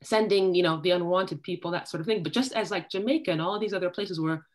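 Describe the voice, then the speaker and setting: A woman speaking on a panel over a video call, building her points slowly and tagging them with "right?". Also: fairly low pitch. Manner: thoughtful, tags points with "right?". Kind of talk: academic panel discussion. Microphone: laptop video call.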